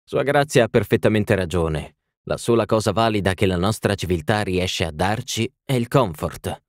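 A fussy, ceremonious little palm reader, played by a man reading an audiobook. He delivers his readings in a measured, lowish voice that rises and falls a lot. Close, dry sound. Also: animated, dry recording.

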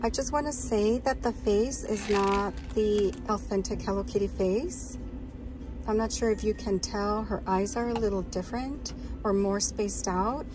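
A woman's voice: medium pitch, a little slow, noisy background. A woman talking chattily and with enthusiasm as she shows off her purchases in a casual vlog, recorded while sitting on her bed. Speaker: vlogger.

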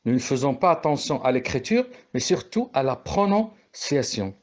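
A man's voice: medium pitch, sing-song, normal speed. A man from Morocco teaching a French poetry lesson, explaining step by step and correcting himself as he goes.

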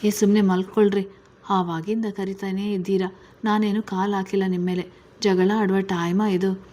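A woman's voice: mid-range voice, flat delivery, moderate pace, dark tone, close to an everyday voice. Woman voicing a middle-aged wife, scolding, exasperated, storybook reading.

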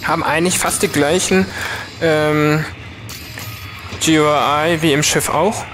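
A man's voice: a little high, steady tone, measured pace, background noise. A German man giving casual game commentary as a let's player. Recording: very loud music and game sounds behind. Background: music, vehicle and game sounds.

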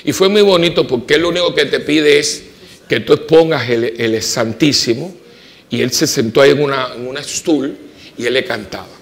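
A man with a Puerto Rican accent, a parish priest preaching a homily full of personal stories, swinging from emphatic peaks to soft, quiet asides. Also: mid-range voice, moderate pace. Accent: Puerto Rican Spanish. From Puerto Rico. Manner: animated storytelling, rising to emphatic peaks and dropping to soft asides. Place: church.

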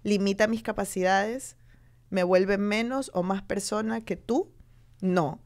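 An Ecuadorian woman in her thirties who presents on TV speaks slowly in a mid-range voice while interviewed. She shares her story frankly, with lively storytelling that acts out quoted voices.

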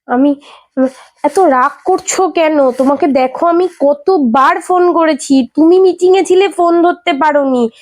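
A woman's voice: high-pitched, unhurried, darkish tone. A woman acting as a wife in a family short drama, pleading and soothing.

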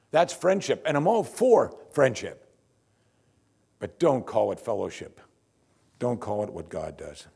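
Older man, pastor, husky voice, lively swooping pitch, chatty wry sermon, church lapel mic. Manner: conversational preaching, lively and wry. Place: church sanctuary at a pulpit.

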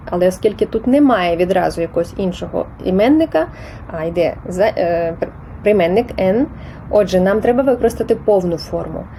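A woman's voice: mid-range voice, warm tone, a little hiss or hum. A woman explaining Spanish test answers in Ukrainian, patient and methodical, with small hesitations and restarts. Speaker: Spanish teacher.

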